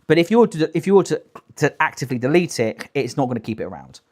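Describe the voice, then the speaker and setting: A man's voice: a little high, big pitch swings, fast, a little mellow. A young British man doing casual livestream reaction commentary, blunt, sweary and emphatic in an incredulous way. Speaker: live streamer commenting on clips.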